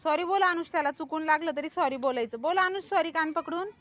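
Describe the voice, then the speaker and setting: A woman's voice: high voice, quick pace, fairly bright tone. A woman teacher coaxing young pupils with patient questions in a school classroom.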